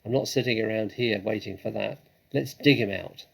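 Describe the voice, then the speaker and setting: A hard, determined villain of a farmer from a storybook, acted out by a man. He is blunt and commanding, with a creaky, rough voice. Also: on the low side, moderate pace.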